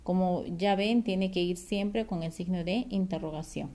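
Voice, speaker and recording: A woman teaching a grammar lesson to children, patient and careful, often checking in with a quick question. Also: on the low side, mellow. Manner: slow, careful explaining with fillers and restarts.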